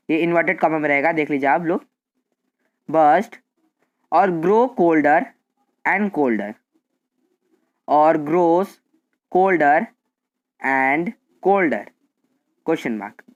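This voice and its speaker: A man, a teacher dictating English answers slowly, repeating phrases and spelling words out letter by letter. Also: a little high, dull audio. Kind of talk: slow English dictation lesson with Hindi explanations.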